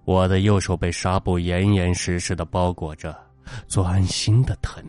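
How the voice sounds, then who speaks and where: A man narrating a horror story in a calm, measured reading voice. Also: low voice, soft background music.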